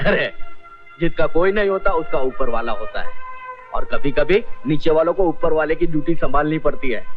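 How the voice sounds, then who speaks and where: A man's voice: fairly high pitch, moderate pace, natural voice. An actor playing a kindly street man who scolds bullies and jokes with orphan boys. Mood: jokey. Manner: jokey, scolding, warm-hearted. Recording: dull old film soundtrack with music.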